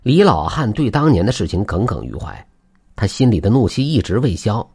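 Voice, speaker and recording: Husky, animated male storyteller. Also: on the low side, fairly quick. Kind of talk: folk tale storytelling.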